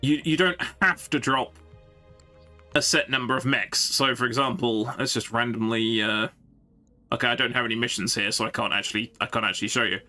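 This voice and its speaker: A man's voice: medium pitch, fairly even intonation, fairly quick, sharp tone, faint music behind. A man chatting casually on a game live stream, rambling and thinking aloud to his viewers.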